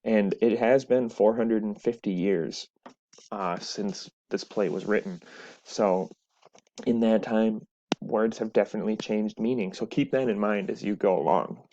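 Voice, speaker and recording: A man's voice: fairly low pitch, a little slow, dark tone. Male teacher, recorded lecture over a webcam, slightly dull sound, patient explanations. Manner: explanatory, with frequent "right?" and "so".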